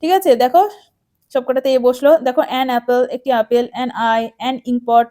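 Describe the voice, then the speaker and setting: A woman with a high, light voice talks a class of children through a grammar rule. She goes over each point patiently and again, checking often that the students follow. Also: normal speed, warm tone. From West Bengal, India. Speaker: teacher. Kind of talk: explaining an English grammar lesson.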